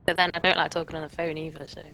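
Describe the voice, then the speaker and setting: A woman's voice: deep voice, level tone, very fast, pushed and bright, slight background noise. A woman playing a game with her husband, blunt, sweary and impatient in casual chat. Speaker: co-host, player.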